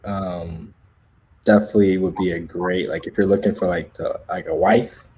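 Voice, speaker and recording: A relaxed American man with a lowish voice hosts a casual livestream chat. He talks in loose slang, laughs easily and drifts between stories. A faint room hum sits under his voice. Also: moderate pace, gravelly. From United States. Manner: laid-back, laughs often, loose slangy talk. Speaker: livestream host.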